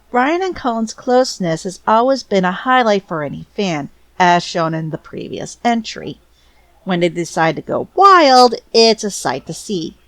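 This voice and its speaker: Woman narrator, lively and animated intonation, enthusiastic fan commentary, dry close voice-over. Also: mid-range voice, dry recording. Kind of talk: scripted narration.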